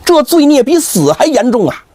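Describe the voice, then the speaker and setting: A man's voice: very high-pitched, very animated, normal speed, warm tone, no room sound, voice pushed up, heavily acted. A man voicing a second thug who smugly lectures about fate and sin. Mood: lecturing. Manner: smug, lecturing. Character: second thug, smug preachy male bystander.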